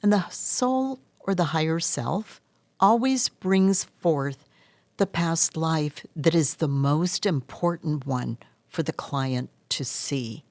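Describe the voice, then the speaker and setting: A woman with a low voice gives interview answers at a very unhurried pace. She explains things earnestly, in measured short phrases. The sound is dry and close. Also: expressive, a little mellow, no echo. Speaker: hypnotherapist interview guest.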